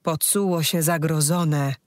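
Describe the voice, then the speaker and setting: Reader putting on a wise old healer lady, slow and calm, rustic speech. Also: mid-range voice, dry recording, studio quality, natural voice. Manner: calm, knowing, rustic dialect.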